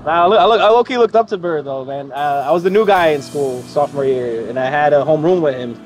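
A man's voice: a little high, faint music behind. A man, an old school friend of the host, chatting casually and easygoing. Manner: quick and easygoing, with fillers. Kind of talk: casual chat.

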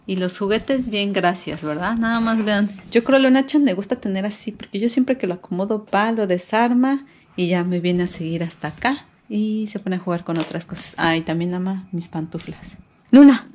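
A young woman with a Mexican accent chats away in a relaxed home vlog, her pitch sitting in an ordinary middle range. She talks to the viewers like close friends while she goes about her day indoors. A faint hiss of noise sits under her voice. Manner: chatty, keeps calling viewers "friends". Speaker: vlogger and mother. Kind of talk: casual vlog narration.

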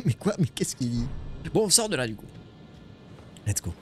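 Excitable French man streaming a game. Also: medium pitch, moderate pace. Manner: excitable, swearing, joking with chat. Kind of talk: casual gaming stream commentary. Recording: music behind voice.

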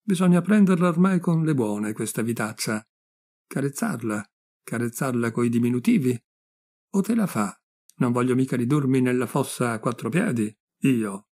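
A tired, prickly bachelor close to fifty, grumbling and resigned about his age, as a reader with a gravelly voice puts him on. He talks in a rueful, slightly sour way, like a character in a read-aloud story. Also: medium pitch, animated, moderate pace, a little mellow. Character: weary, touchy bachelor near fifty. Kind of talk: audiobook reading.

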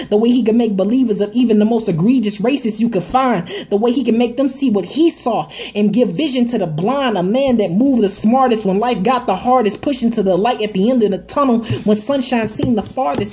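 A teenage female high school student performing slam poetry in a rhythmic spoken-word delivery, stressing the rhymes at line endings. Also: a little fast, hardly any pauses, warm tone, a little hiss or hum. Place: small plain room indoors, seated at a desk.

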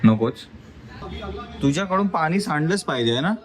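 A man's voice: on the high side, expressive, normal speed. A man vlogging about his family, talking to viewers while firmly coaxing and teaching his small child at mealtime. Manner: coaxing and firm, teaching a toddler.

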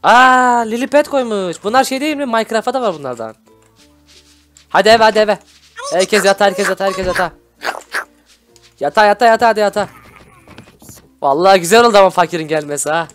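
A young man giving excitable, shouty gameplay commentary as a video host. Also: high-pitched, quick pace, long pauses. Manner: excitable, shouty, constantly reacting. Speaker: gaming YouTuber host. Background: background music.

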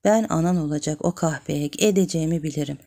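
A woman's voice: low-pitched, quick pace, warm tone. A woman voicing a sly, lecherous middle-aged village man who coaxes and then threatens. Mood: scheming.

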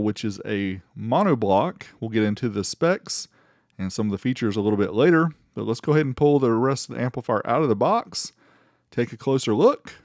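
Playfully showy in his emphasis, a middle-aged American man hosts a car audio amplifier review channel and provides a casual review voice-over. He has a darkish mid-range voice, and the studio-quality recording has no room sound, just faint music behind him.

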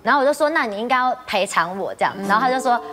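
A woman guest on a talk show, telling a story in an animated, exclaiming way. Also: on the high side, very fast.

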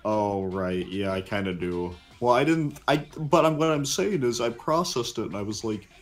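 A man's voice: on the low side, lively intonation, moderate pace, soft background music, lightly acted. A man voicing an earnest cartoon chameleon ninja who stammers defensively and gets flustered in improvised banter. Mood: sheepish.

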